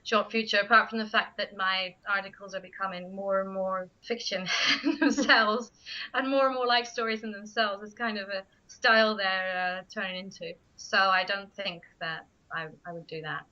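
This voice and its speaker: A guest writer from Spain, a native Spanish speaker, answers radio interview questions about her writing, often restarting hesitantly. Her medium-pitched voice is steady, bright and forceful at a normal speed. The studio microphone audio sounds muffled.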